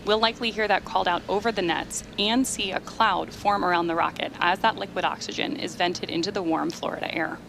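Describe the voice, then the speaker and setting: A woman giving measured, explanatory live commentary as the host of a launch webcast. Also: lowish voice, fairly even intonation, creaky, background noise.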